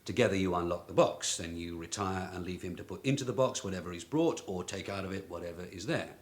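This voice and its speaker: In a radio drama, the male lead actor plays a shrewd, hard-nosed police detective sergeant with long service. He sounds matter-of-fact, dryly authoritative, firm, and official, speaking fast in a low voice with a breathy edge.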